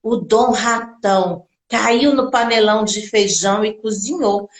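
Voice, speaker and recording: Brief: woman voicing a gentle storybook door, sing-song and sympathetic, higher-pitched, echoey room. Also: a little slow, close to an everyday voice. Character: talking kitchen door, kindly female.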